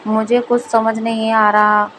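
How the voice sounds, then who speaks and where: A greedy, cunning village farmer who brags and then begs, as a woman reads him. The voice is fairly high and flat in tone. It comes from a storybook reading. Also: measured pace, a little hiss or hum, low-quality recording. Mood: worried. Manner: boastful, then pleading.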